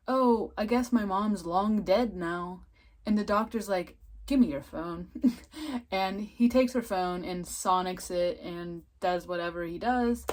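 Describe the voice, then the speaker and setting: Girl doing a casual episode review, lots of likes and um's, giggles a bunch, normal voice. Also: medium pitch. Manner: chatty, frequent "like" fillers, giggly asides.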